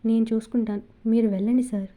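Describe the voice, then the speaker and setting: A man's voice: sits high, fairly even intonation, fast, mellow, natural voice. A woman voicing a cautious police superintendent who speaks formally and placatingly.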